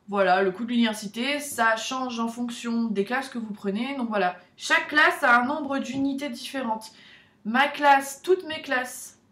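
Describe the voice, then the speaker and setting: A woman's voice: fairly high pitch, fairly bright tone. Chatty young Frenchwoman in an echoey room. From France. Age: young adult. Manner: chatty, nervous, self-deprecating, with many restarts. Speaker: vlogger. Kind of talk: casual chat to camera.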